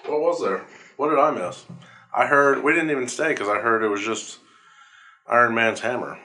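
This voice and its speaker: A man's voice: mid-range voice, moderate pace, bright, forceful tone. A man co-hosting a podcast, chatting casually about a film in a wry, teasing way. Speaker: podcast co-host. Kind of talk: casual movie-review chat.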